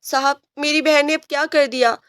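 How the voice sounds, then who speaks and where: A woman's voice: high voice, fairly even intonation, a bit bright, no echo, studio quality. A woman voicing a frightened young man who pleads for his sister. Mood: pleading. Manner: pleading, fearful.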